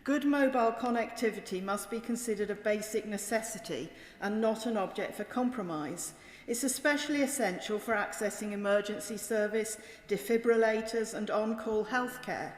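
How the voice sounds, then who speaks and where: A British woman speaking as a member of parliament, delivering a formal, emphatic and critical debate speech in measured oratory. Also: medium pitch. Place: large indoor debating chamber. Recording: echoey chamber with long reverb.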